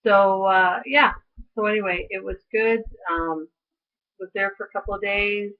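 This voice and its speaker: A woman's voice: medium pitch, a little slow. A middle-aged woman in a chatty vlog, telling a story and acting out the other people's lines. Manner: chatty storytelling, acts out quoted voices. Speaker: vlogger. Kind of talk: casual recovery update. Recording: tinny lo-fi audio.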